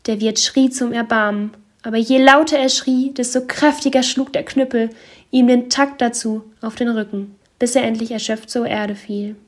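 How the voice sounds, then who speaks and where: A woman narrating a fairy tale in a lively storytelling manner, sometimes dropping to soft whispers. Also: a little high, normal speed.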